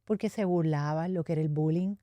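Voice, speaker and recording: A middle-aged Puerto Rican woman speaks with a low, mellow voice and a Puerto Rican accent. She recounts her past candidly and reflectively, with a light laugh now and then. The sound is dry and close. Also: fairly quick, no room sound. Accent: Puerto Rican Spanish. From Puerto Rico. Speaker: interview guest. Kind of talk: personal testimony in conversation.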